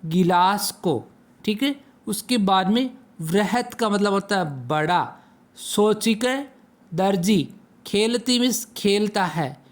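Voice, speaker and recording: A man's voice: sits high, animated. A man teaching a Sanskrit lesson to children, patiently asking questions and answering them himself. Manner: slow, patient, asks and answers own questions.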